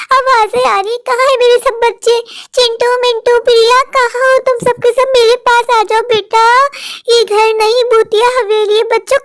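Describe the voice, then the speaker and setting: Fretful cartoon mother. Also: very high-pitched. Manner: fretful, talking to herself. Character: worried young mother alone in a haunted house.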